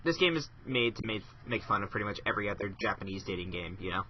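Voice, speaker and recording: Man, lower voice, laid-back amused chat, lo-fi podcast audio. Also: expressive, fast talker, a little hiss or hum. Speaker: podcast co-host. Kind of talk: casual chat. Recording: dull lo-fi podcast mic.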